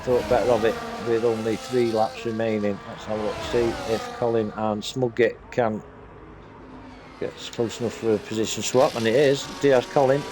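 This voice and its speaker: Man commentating a sim race over noise. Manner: excited, rising pitch in close battles; fillers and brief pauses while following the action. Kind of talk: live sim racing commentary.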